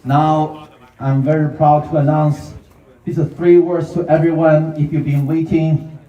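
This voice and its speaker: A man's voice: fairly high pitch, little pitch movement, unhurried, mellow, highs cut off. A man working as a real estate auctioneer, calling out bids in repeated short phrases to buyers like a showman. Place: live property auction before gathered buyers. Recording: echoey, picked up from a distance.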